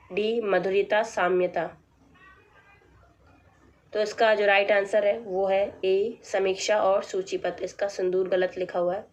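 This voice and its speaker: Woman, teacher, exam practice lesson, reads options then explains, flat even voice, mid pitch. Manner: plain, measured explaining.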